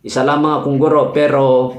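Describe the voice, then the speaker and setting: A male teacher giving a slow, informal lecture, checking in often with his listeners and pausing with fillers as he explains. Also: a little high, little pitch movement. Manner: explains slowly with frequent "no?" checks and hesitations. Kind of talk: classroom-style legal lecture. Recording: echoey room.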